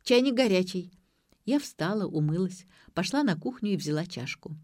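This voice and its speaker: Reading scripted audiobook narration, this woman keeps a steady, measured storytelling tone. Her voice sits on the low side, captured with studio quality and no echo.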